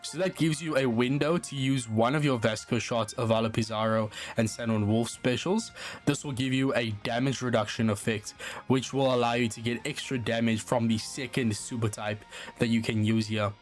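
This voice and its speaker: A man's voice: medium pitch, steady tone, normal speed. South African man explaining game strategy. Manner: casual explanatory, frequent "uh" fillers. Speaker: gaming channel host. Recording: voice-over with faint guitar music underneath. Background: faint background music.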